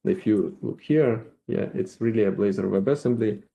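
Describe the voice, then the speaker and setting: A man with a Russian accent giving a live software demo at a meetup, thinking aloud with halting restarts. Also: fairly low pitch, gravelly. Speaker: featured speaker at a developer meetup.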